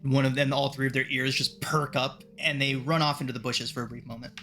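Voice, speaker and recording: A man's voice: mid-range voice, flat delivery, quick pace, sharp tone. A man casually narrating a tabletop fantasy game as game master.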